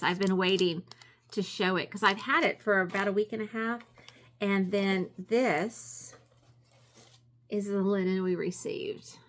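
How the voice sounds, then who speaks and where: A woman with a mid-range voice talks casually to her viewers as a craft vlogger. She shows things one by one in an informal, appreciative, gushing way. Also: medium pitch. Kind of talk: casual show-and-tell vlog.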